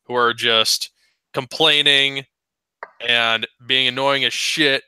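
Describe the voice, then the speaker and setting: A man's voice: medium pitch, fairly even intonation, takes it slowly, bright, forceful tone, clear, resonant tone, no room sound. A man co-hosting a talk show, chatting casually, ranting with swearing and stammered restarts. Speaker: podcast co-host. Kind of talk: casual profane banter.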